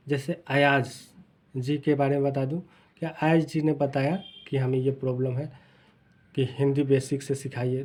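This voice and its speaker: A man's voice: on the high side, warm tone. A man teaching children to read, spelling out letters one by one and asking and answering his own questions. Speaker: Hindi reading teacher. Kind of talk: slow explanatory lesson.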